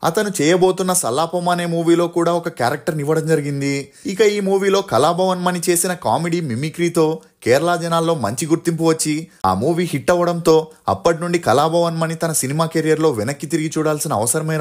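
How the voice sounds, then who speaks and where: A man's voice: on the high side, fast. A man narrating a scripted true-story video, opening with dramatic questions to hook the viewer.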